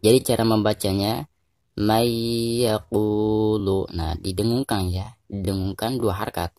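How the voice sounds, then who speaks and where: Man, Indonesian accent, low voice, dry close sound, patient tajwid lesson, drawn-out chanted examples. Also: darkish tone, dry recording. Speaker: Quran recitation teacher.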